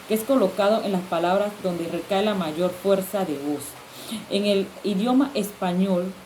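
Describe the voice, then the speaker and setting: A woman student reading a class presentation aloud at a steady pace. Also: medium pitch, low-quality recording. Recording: hissy recording.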